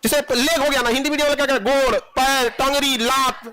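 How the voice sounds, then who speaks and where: A man's voice: very high-pitched, steady tone, a little fast, bright, forceful tone. A man teaching a classroom biology lecture, joking and teasing his students and laughing often.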